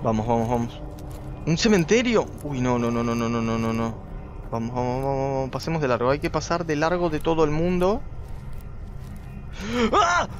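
Excitable man narrating his gameplay. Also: fairly quick. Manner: excitable, talks to viewers, jumps high when startled. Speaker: gaming video host. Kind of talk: let's play commentary.

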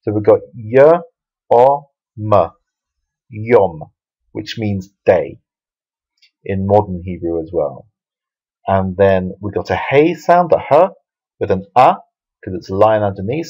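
A man with a lowish voice teaches Bible Hebrew letter by letter. He explains patiently, restarting phrases and filling pauses. The recording sounds dull and lo-fi. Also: darkish tone, slightly rough. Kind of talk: video lesson. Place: Jerusalem.

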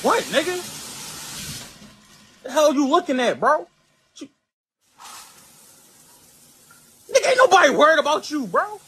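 A man's voice: very high-pitched, sing-song, normal speed, full character voice. A man playing a brash, menacing muscular prison inmate in a cartoon comedy skit, with slangy, confrontational talk. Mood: irritated, dismissive. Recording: loud music over the voice.

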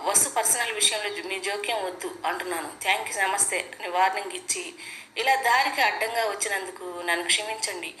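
A woman hosting her channel, briskly retelling a TV serial episode in casual narration and quoting the characters' lines in her own voice. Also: mid-range voice, sharp tone. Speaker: channel host recapping a TV serial. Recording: echoey room with faint hiss.

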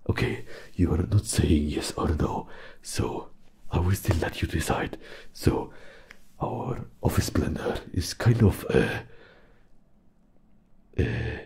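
A man voicing a soft, awkward fox interrogator in a whispered role-play, hesitant and confiding, with a breathy, gravelly voice. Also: deep voice, heavily acted. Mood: coaxing. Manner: halting, hesitant interrogator, gentle.

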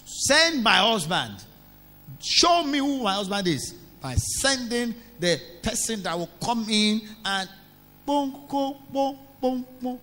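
A man's voice: fairly high pitch, fast talker, few pauses, soft background music, lightly acted. A man voicing a desperate young woman who prays dramatically for a husband, in a pleading manner. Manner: pleading and dramatic, rising to wails. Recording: reverberant hall with faint hum.

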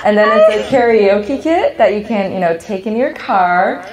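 A woman casually presenting her company's products, relaxed and laughing often between filler-heavy explanations. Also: medium pitch, normal speed. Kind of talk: casual product demo chat.

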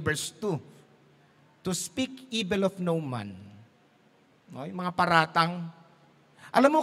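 A man's voice: high-pitched, a bit bright, big-room sound. A man preaching a sermon as pastor, mixing Tagalog and English, telling jokes and laughing at his own stories.

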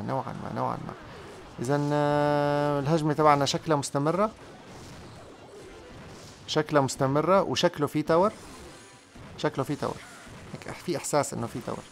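Gravelly, fast-talking man gaming. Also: medium pitch, faint music behind. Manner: excitable, urges on his troops, repeats words. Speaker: gaming YouTuber. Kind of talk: live gameplay commentary.

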